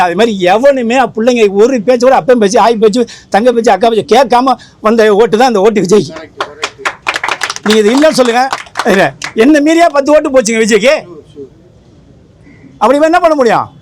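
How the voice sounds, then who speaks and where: A man who leads a film association, talking fast and with emphasis at a press interview, rambling and repeating himself. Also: extremely high pitch, darkish tone.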